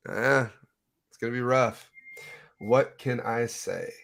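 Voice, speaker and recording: A man's voice: mid-range voice, takes it slowly, vocal fry, fairly bright tone. A man in his late thirties hosting a podcast in casual chat. He is self-deprecating and laughs often. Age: 30s. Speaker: podcast host.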